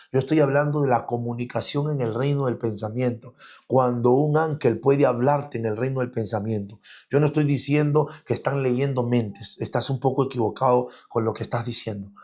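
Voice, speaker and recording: A man's voice: mid-range voice, darkish tone. A man preaching an online teaching sermon as an apostle, emphatic, often asking his audience rhetorical questions. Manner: emphatic, repeats "escúchame bien".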